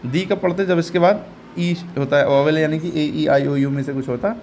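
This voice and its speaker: A man's voice: fairly high pitch, fairly even intonation, normal speed, a little mellow, slight background noise. A man teaching English reading, patiently repeating each sound and quizzing his learner step by step. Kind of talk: step-by-step phonics lesson.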